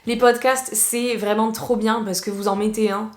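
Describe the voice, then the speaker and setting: Speaking with a southwestern French accent, this woman from southwest France runs a casual video lesson as an English teacher. Her voice is on the high side at a moderate pace, the sound roomy, and she's chatty and lively, mixing in English phrases.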